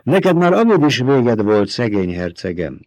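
A man's voice: mid-range voice, sing-song, darkish tone, no room sound, lightly acted. A man reading an audiobook, voicing an old male doctor turned traitor, feverishly obsessed with revenge, who speaks in an intimate, coaxing way. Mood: intense, confiding.

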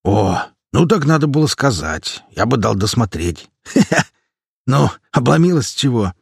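A man voicing a burly bearded comrade who teases roughly and brashly in an audiobook. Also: medium pitch, big pitch swings, unhurried, dry recording, studio quality, voice pushed up, exaggerated voice. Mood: mocking. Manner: teasing, rough and joking.

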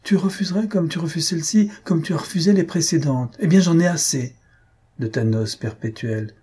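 A man's voice: mid-range voice, normal speed, dark tone, slightly rough, lightly acted. A man reading aloud, voicing a stern, irritable elderly aunt who scolds her nephew. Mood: scolding. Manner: scolding, indignant.

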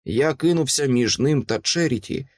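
A man narrating an action-filled audiobook in the first person, vivid and dramatic. His voice sits at a middle pitch, recorded close and dry with no room sound. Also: moderate pace, dry recording.

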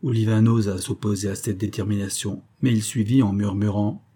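Low, husky male audiobook narrator. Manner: steady, measured storytelling. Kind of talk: scripted narration of a novel.

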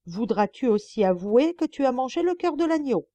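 A woman voicing a calm, measured saintly old man on a journey. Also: high-pitched, no room sound, pitched above the performer's own voice.

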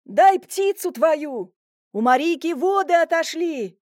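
A woman voicing a devoted husband, an army major, who speaks softly and tries to calm his wife. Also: high voice, takes it slowly, dry recording, clean studio sound, voice pushed up. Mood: alarmed. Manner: soft, placating.

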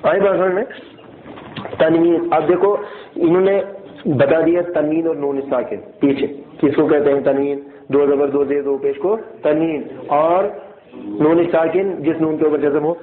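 A somewhat high-voiced man teaches a recitation class, quizzing his students and repeating each point. He drills syllables slowly, half-chanted. The sound is thin and phone-like, with a roomy echo. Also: fairly even intonation. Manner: asks students questions and repeats key points. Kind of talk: classroom tajweed lesson.

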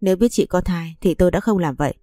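A woman's voice: lowish voice, fast talker, mellow, no room sound, natural voice. A woman voicing a cold, scheming middle-aged mother-in-law who talks in a curt, dismissive way.

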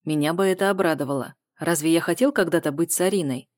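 A woman voicing a brooding, possessive man who speaks calmly and steadily in an audiobook. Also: fairly low pitch, fast talker, no room sound, clean studio sound, close to an everyday voice. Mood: insistent. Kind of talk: audiobook character voice.

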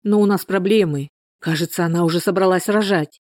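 A woman voicing a flustered young husband who talks in hurried shouts. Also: lowish voice, dry recording, clean studio sound, natural voice.

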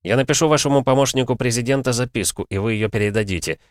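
A man doing a calm Interpol expert. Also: medium pitch, dry recording, studio quality, voice pushed up, close to an everyday voice. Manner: measured and explaining. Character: calm, self-possessed male Interpol expert.

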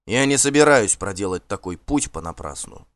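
A man's voice: on the low side, animated, moderate pace, no room sound, studio quality, natural voice. A man doing a cold, scornful Norse warlord. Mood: mocking. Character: stern, contemptuous male Norse warlord. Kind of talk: audiobook character voice.

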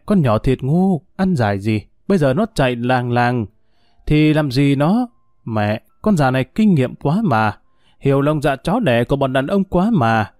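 A man voicing a bitter, drunk older woman who curses men in a coarse, slow, drawling grumble. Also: medium pitch, darkish tone, dry recording, clean studio sound.

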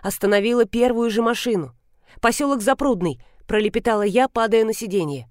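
A woman narrating an audiobook in a clear, even reading. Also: on the high side, fast, no echo, studio quality.

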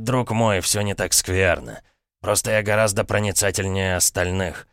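A man voicing a sly, pompous middle-aged uncle, smooth and mock-courteous, with an ironic tone. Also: lowish voice, a bit bright, no echo, studio quality, lightly acted. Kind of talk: audiobook character voice.

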